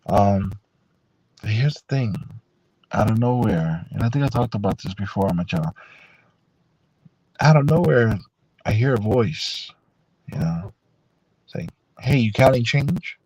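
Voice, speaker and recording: A man telling a personal story on a live stream in a rambling, unhurried way, full of fillers and restarts. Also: fairly low pitch, expressive, a little mellow, husky, dry recording, rough recording.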